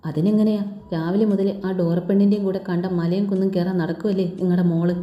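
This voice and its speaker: A woman voicing a quick-tongued, anxious young pregnant wife who scolds and teases her husband. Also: lowish voice, steady tone, natural voice. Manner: scolding, teasing questions. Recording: echoey lo-fi room with faint music.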